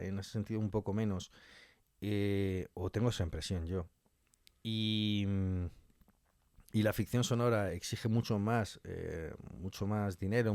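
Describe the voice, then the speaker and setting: This fairly low, darkish male voice belongs to an audio fiction scriptwriter from Spain, speaking with a Spanish accent as an interview guest. He chats in an effusive, colloquial way, repeating things for emphasis, and the recording is dry with studio quality.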